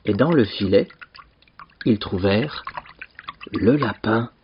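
A man reading a fairy tale aloud as a storyteller, slow and expressive. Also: on the low side, slight background noise. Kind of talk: scripted storybook narration. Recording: dull lo-fi broadcast recording.

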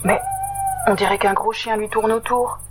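A woman reading a children's story aloud in a gentle, unhurried way. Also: on the high side, fairly even intonation, noisy background.

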